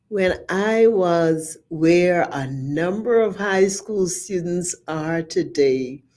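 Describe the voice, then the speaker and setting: A Bahamian woman in her fifties giving a slow, heartfelt personal testimony. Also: fairly low pitch, dark tone. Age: 50s. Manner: slow, measured and heartfelt, reciting lyrics. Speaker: guest speaker.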